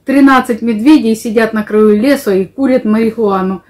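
A middle-aged woman hosts a vlog, chatting jokily and colloquially with a close friend in a small wood-panelled living room. Her voice is fairly high and slightly mellow, and she speaks at a normal speed. A camera across the table picks her up.

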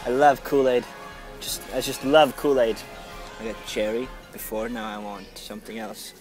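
A man's voice: mid-range voice, moderate pace, over music, rough recording. Chatty young man from Estonia. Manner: rambling, chatty, excitable. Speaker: vlogger. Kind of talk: casual vlog narration. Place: large indoor grocery store.

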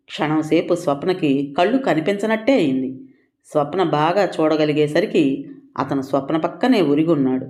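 A storyteller giving a measured, expressive scripted reading of a novel. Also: medium pitch.

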